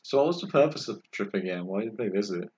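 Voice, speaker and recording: A man's voice: fairly low pitch, lively intonation, fast, darkish tone. Joking male podcast host, dull recording. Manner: joking, teasing banter. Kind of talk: casual chat. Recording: slightly dull with faint noise.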